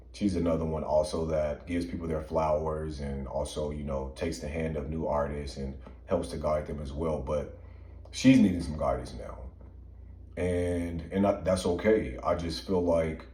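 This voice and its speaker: A man with a warm bass voice co-hosts a music commentary podcast, offering earnest, emphatic opinions full of fillers in a casual chat. The recording has a roomy sound.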